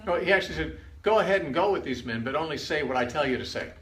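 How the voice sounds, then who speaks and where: A man's voice: fairly high pitch, animated, fast talker, a bit bright. An older man giving a conversational Bible lesson, retelling stories and casually acting out the quoted lines. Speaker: Bible teacher. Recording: roomy with faint background noise.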